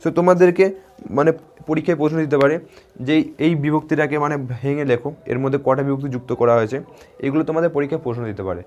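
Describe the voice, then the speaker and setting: A man teaching a grammar lesson to schoolchildren. He asks a question, answers it himself, and repeats words slowly and encouragingly. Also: on the high side, a little mellow, highs cut off. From West Bengal. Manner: encouraging, addresses students directly.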